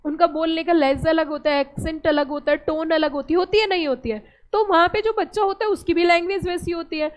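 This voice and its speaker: A woman's voice: very high-pitched, fairly even intonation, fairly quick, few pauses. A young woman with an Indian accent giving a classroom lecture, explaining step by step and putting questions to her students. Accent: Indian English. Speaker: teacher.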